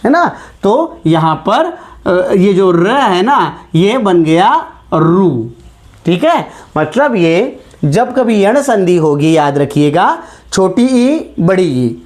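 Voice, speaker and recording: A man teaching a grammar lesson, patiently repeating sounds and asking his students questions as he goes. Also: sits high. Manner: slow and patient, repeats key sounds and asks rhetorical questions. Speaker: Hindi teacher.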